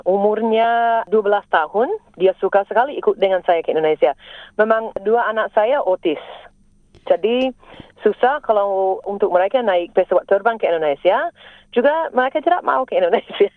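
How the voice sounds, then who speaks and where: Over a tinny, narrow-band phone line without echo, a middle-aged Australian woman from South Australia speaks at medium pitch. A native English speaker who teaches Indonesian, she's a guest answering interview questions in Indonesian as a foreigner, with simple, careful phrasing and the odd English word.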